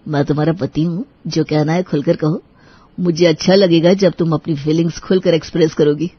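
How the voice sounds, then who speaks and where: A woman voicing an easygoing, modern young husband in a cartoon, coaxing and relaxed. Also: deep voice, fairly quick, breathy edge, dry recording, highs cut off.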